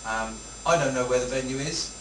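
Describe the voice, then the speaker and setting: A British man hosts an amateur news show, chatting unscripted in a brisk, mid-range voice while teasing and mock-grumbling. He sits far from the mic in an echoey room, with a noisy hum in the background.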